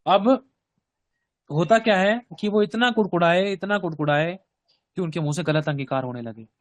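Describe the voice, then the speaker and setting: High-voiced man preaching a sermon. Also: moderate pace, no echo. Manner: keeps asking listeners if they understand; acts out quoted voices. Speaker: pastor. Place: home.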